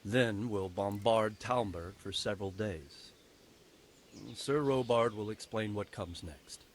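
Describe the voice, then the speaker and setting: An actor voicing a commanding noble lord in a video game, giving measured orders. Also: male voice, fairly low pitch, background noise.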